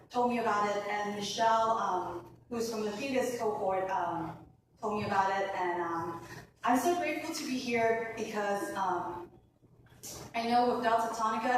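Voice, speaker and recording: A woman in her thirties, originally from Hong Kong, giving an earnest personal speech as a new apprentice at an event, with many ums. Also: medium pitch. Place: event hall. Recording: echoey room, mic far off, background noise.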